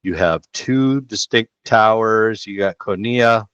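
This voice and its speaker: Sitting in a small room with a headset, a middle-aged man hosts a real estate show, running through listings in a relaxed, slang-heavy, chatty style. His voice is lowish, clear, resonant, and a bit bright, his pace slow, and the home recording sounds dull and dry.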